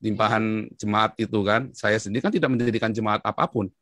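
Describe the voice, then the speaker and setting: A man from Indonesia telling his story in an interview, excitable, his voice jumping up in pitch as he gets worked up. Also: brisk, dry recording, clean studio sound. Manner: excitable, with sudden jumps in pitch and frequent address to the listener.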